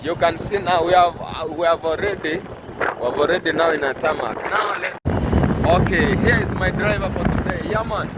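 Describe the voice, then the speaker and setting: A man from Kenya vlogging as he rides along rough roads, repeating himself and calling on viewers to subscribe. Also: high voice, moderate pace. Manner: repetitive, calls out to viewers. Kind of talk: casual vlog narration. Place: outdoors riding a vehicle on rough roads. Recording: loud road and engine noise.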